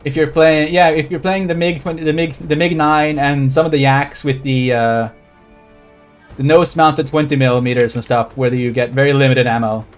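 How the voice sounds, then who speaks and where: A slightly high male voice, fairly even in intonation and moderate in pace, comes over faint background music. He's a Swedish streamer with a general American accent who rambles, swears freely, and talks to chat during casual live gameplay.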